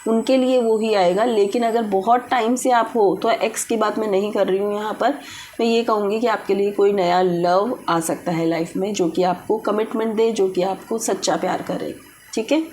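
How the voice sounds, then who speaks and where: A tarot reader with a mid-range, slightly mellow voice reads cards for viewers at normal speed with fairly even intonation. She gives direct advice, blending English words into Hindi, over slight background noise.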